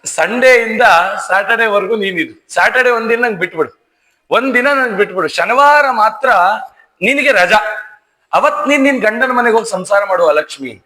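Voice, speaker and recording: A man voicing a calm male supreme god who hands out instructions during a storytelling sermon. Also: sits high, normal speed. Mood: instructing.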